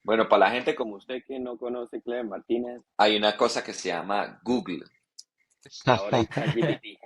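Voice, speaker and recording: A man, a cycling guest in a casual podcast interview, relaxed and joking, halting with many fillers. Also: mid-range voice, slightly rough. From Venezuela.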